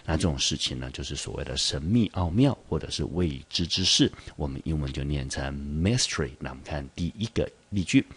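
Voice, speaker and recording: A man's voice: rumbling low, animated, fairly quick, few pauses, fairly bright tone, husky. A male English teacher with a Taiwanese Mandarin accent, explaining a word step by step and asking the class questions. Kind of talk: vocabulary lesson. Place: school teaching studio.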